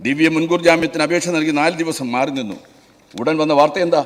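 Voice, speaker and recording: Legislator, male, rapid fiery oratory in a big reverberant chamber, keeps addressing the chair. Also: a little high. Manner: emphatic oratory, repeatedly addressing the chair as sir. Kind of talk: assembly floor speech. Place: large legislative assembly hall.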